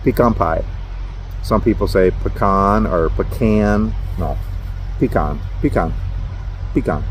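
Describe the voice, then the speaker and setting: This truck driver vlogger, a middle-aged Minnesotan with the local accent, sits in his parked truck at a rest area and rambles casually to camera, often chuckling and running himself down. His fairly low voice is expressive and slow, broken by long pauses, over slight background noise.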